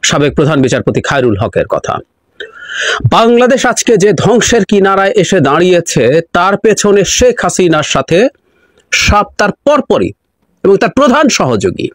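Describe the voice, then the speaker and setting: A man's voice: sits high, no room sound. A man giving political commentary straight to his viewers in an emphatic, accusatory way.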